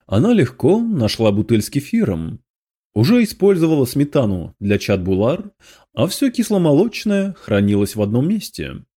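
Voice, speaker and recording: A man narrating an audiobook in a measured, expressive way. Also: medium pitch, breathy edge. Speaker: audiobook reader. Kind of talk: scripted narration.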